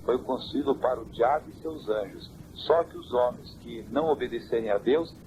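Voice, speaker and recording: A man's voice: medium pitch, muffled recording. Man on hissy old worn cassette tape. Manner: measured, quotes scripture in a preaching cadence. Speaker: church elder. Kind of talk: answering interview questions on doctrine. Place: family home.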